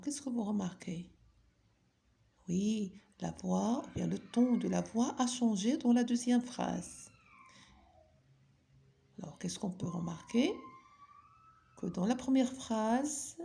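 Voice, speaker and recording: A woman's voice: fairly high pitch, vocal fry, warm tone. A woman teaching a grammar lesson, patiently asking her pupils questions and then answering them herself. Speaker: French teacher.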